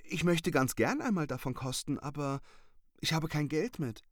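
A man voicing a high, eager young witch girl. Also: expressive, normal speed, dry recording, studio quality, lightly acted. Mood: curious.

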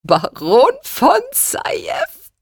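A woman's voice: sits low, sing-song, a little slow, husky, no room sound, studio quality, pitched above the performer's own voice, full character voice. A woman voicing an exasperated mother who mutters and can barely hold back laughter, in a storybook reading.

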